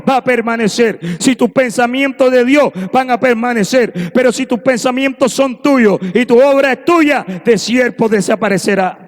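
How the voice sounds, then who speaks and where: A man's voice: very high voice, normal speed, few pauses. A man preaching a sermon in a church, fervent and acting out the voices he quotes. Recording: long echo of a church hall.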